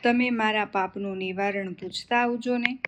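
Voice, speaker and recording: A pleading crocodile in pain, voiced by a woman narrator, plain gentle storybook delivery, devotional folk tale, mid-pitched. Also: steady tone, normal speed, background noise, natural voice. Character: suffering crocodile in a lake.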